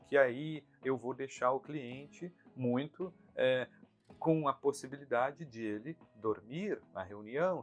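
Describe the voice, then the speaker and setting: A man, a mentor for consultants, giving a measured, didactic talking-head lesson and repeating his key points. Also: on the high side, fairly bright tone, breathy edge.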